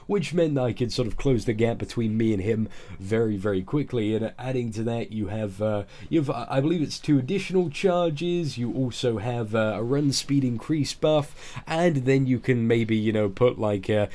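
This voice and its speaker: Groggy, mellow man doing game commentary. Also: mid-range voice, moderate pace. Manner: explanatory, informal. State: ill, groggy. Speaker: gaming video creator.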